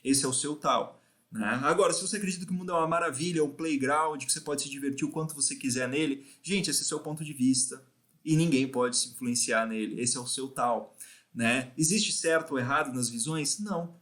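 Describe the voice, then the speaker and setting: A man's voice: a little high, fast, a bit bright. Casual Brazilian man lecturing. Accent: Brazilian Portuguese. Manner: casual, frequently tags phrases with "né?". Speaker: acupuncture teacher. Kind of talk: recorded lecture.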